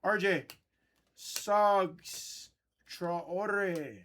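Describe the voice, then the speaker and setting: Drawing out his words in a high, slightly bright voice, this Hawaiian-accented man from Oahu opens card packs on a live stream. He keeps up teasing, easygoing banter with viewers, and there's slight background noise.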